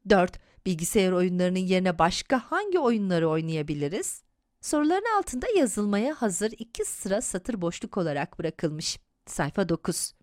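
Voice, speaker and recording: A woman narrating a children's comic book, describing the pictures and the page layout in a measured, careful reading voice. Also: medium pitch, dry recording, studio quality.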